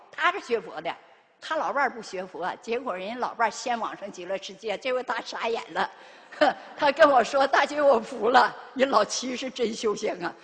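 An older woman delivers a Buddhist dharma talk, her fairly high voice swinging widely in pitch. She keeps firing rhetorical questions at the listeners. The sound carries a long reverberant hall tail. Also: a bit bright. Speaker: Buddhist lay teacher.

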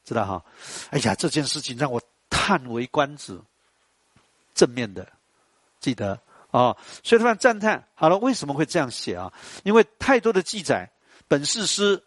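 A man, lecturing a class in an animated, storytelling way and putting questions to the audience. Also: mid-range voice, dry recording.

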